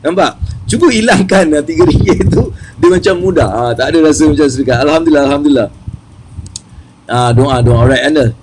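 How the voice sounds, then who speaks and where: A man giving a motivational seminar talk about wealth, chatty and lively, repeating phrases for emphasis. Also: on the high side, brisk, slight background noise, rough recording.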